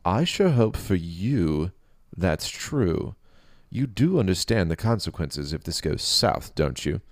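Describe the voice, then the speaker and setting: A man playing a stern, deep-voiced king. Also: sing-song, no room sound, clean studio sound, exaggerated voice. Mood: probing. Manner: measured, imperious, slow deliberate delivery. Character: regal male king, stern and commanding.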